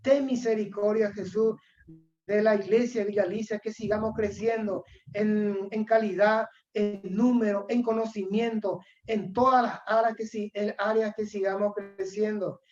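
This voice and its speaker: A woman with a Paraguayan accent preaching a sermon. She speaks earnestly, keeps calling her listeners brother, and often clears her throat. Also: mid-range voice, a little mellow. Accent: Paraguayan Spanish. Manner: earnest, repeatedly addresses listeners as "hermano", frequent throat clearing. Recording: dull lo-fi recording.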